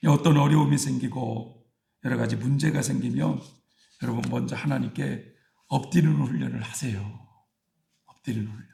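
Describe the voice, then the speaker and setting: A man's voice: medium pitch, moderate pace, gravelly, warm tone, echoey room. A male pastor preaching a sermon, telling stories and prodding his congregation with repeated short questions.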